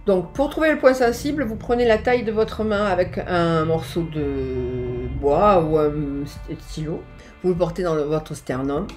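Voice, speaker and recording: A woman's voice: fairly low pitch, a little mellow. A woman working as an EFT practitioner, patiently explaining a tapping technique step by step as she demonstrates it. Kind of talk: instructional explanation.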